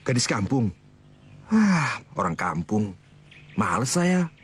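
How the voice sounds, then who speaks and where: An actor playing a dismissive young man in his twenties who mocks his parents' plans, with a husky voice. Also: mid-range voice, sing-song, slow, exaggerated voice. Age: 20s. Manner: teasing, laughs off his parents. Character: young man back from the city, dismissive and cocky. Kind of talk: TV drama acting.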